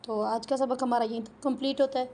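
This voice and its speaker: A woman teaching a tajweed lesson, reciting verses slowly and explaining pronunciation mistakes quickly. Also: a little high, fairly even intonation, mellow, a little hiss or hum. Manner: slow drawn-out recitation alternating with quick corrective explanation.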